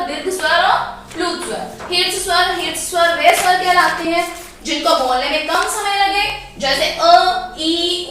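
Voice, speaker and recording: High, bright woman teaching in an echoey room. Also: far from the mic. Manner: patient, repeats and checks with "theek hai". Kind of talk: classroom lesson. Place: school classroom.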